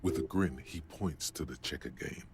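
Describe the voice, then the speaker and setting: An actor playing an ominous male inner-voice narrator who speaks in deadpan, mocking second person in a video game. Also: extremely low pitch, normal speed, vocal fry, noisy background. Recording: game music behind.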